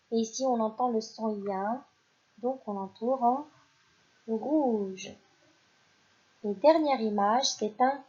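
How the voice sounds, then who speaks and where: A woman teacher leads young children through a phonics lesson, speaking slowly and clearly and praising them often. Her voice sits a little high. The recording is dull and lo-fi. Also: a little mellow. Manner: slow, clear, encouraging teacher talk, praising unseen pupils. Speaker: primary school teacher.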